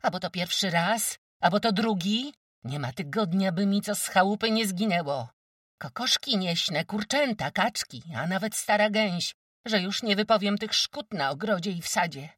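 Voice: medium pitch, expressive, moderate pace, fairly bright tone, dry recording, clean studio sound, distant mic, pitched above the performer's own voice. A reader voicing a furious village headwoman, screeching curses in an audiobook. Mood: screaming fury. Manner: screeching, cursing. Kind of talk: audiobook character reading.

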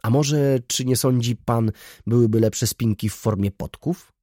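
A man's voice: mid-range voice, unhurried, warm tone, no room sound, clean studio sound, natural voice. A man voicing a fussy, absent-minded aristocratic baron who rambles and fawns. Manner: fawning, rambling, eager.

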